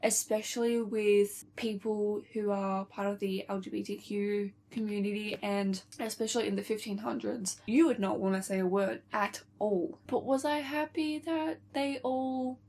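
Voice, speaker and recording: A woman's voice: medium pitch, fairly even intonation, normal speed, hardly any pauses, darkish tone, slight background noise. A young woman vlogger chatting casually about books she is reading, gushing and chatty with lots of "like" and "really". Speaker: book vlogger.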